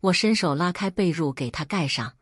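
Husky woman narrating a story. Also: on the low side, normal speed, no room sound, clean studio sound. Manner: expressive, acts out dialogue. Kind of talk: first-person scripted narration.

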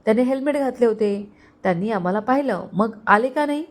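A woman's voice: a little high, expressive, fairly quick, pitched above the performer's own voice, natural voice. A woman voicing a young heroine who speaks earnestly and emotionally, hurt but sincere.

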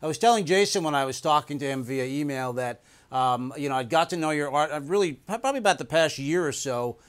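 A man's voice: on the high side, expressive, brisk, smooth. Enthusiastic middle-aged male host. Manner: enthusiastic, complimentary. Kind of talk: interview. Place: studio set, indoors.

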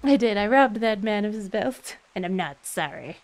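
In an indoor room set up for streaming, a young woman chats and giggles with her viewers while playing a game, speaking into a boom-arm mic held close. Her medium-pitched voice is animated and moderately paced, and faint game music sits underneath.

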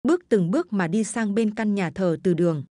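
A woman narrates a spooky village folk tale in a steady, even storytelling voice. The recording is dry and close, with no room echo. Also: medium pitch, brisk.

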